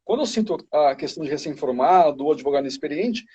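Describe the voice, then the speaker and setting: Homem brasileiro enfático, voz aguda e abafada. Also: male voice, on the high side, lively intonation, quick pace, mellow, husky. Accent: Brazilian. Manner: emphatic, explanatory. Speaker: guest criminal lawyer. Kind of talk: live video chat. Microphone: video call. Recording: lo-fi livestream audio.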